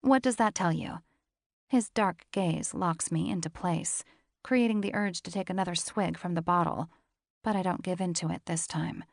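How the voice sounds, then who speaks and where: A woman's voice: on the low side, fairly even intonation, moderate pace, creaky, no echo, studio quality. A woman narrating a first-person romance audiobook in an intimate, confessional manner.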